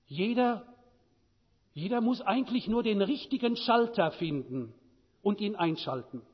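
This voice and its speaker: A man preaching a sermon, with a measured delivery and many rhetorical questions. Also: high voice, expressive, husky, big-room sound, highs cut off.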